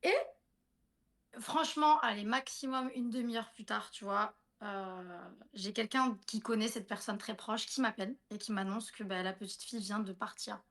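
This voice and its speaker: A woman's voice: mid-range voice, normal speed, a bit bright. A woman in her thirties, a guest telling a personal story in a casual livestream chat, full of fillers and restarts, often speaking directly to her listener.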